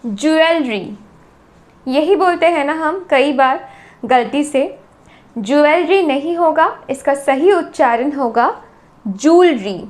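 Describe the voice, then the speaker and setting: A woman with an Indian accent teaching English pronunciation, repeating each word slowly and drawing out its syllables. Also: sits high, a little mellow. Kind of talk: slow, deliberate pronunciation lesson.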